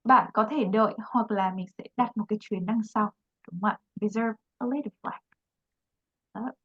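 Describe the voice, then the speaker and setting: A woman's voice: medium pitch, normal speed, lo-fi sound. A woman teaching an English lesson, patiently explaining and repeating example phrases.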